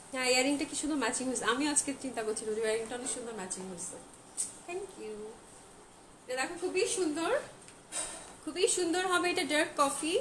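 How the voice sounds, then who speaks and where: High-voiced woman gushing over dresses. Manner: chatty, gushing, mixes English phrases. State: feeling hot. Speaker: online clothing seller. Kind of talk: live-stream product showcase. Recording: echoey room with loud background noise.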